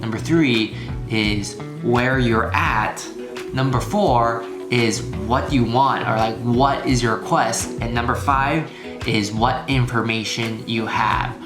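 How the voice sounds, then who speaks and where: Speaking slowly in a medium-pitched voice, a man teaches a relaxed, informal flying lesson as a video host, repeating key phrases to stress them. Music plays behind him, and the room gives an echo.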